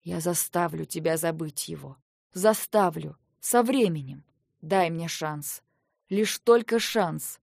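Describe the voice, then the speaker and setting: A woman's voice: low voice, takes it slowly, gravelly, a little mellow, no room sound, studio quality, exaggerated voice. A woman voicing a hissing, possessive male husband. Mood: pleading. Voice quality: hissing, menacing. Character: possessive cold male elder-race husband.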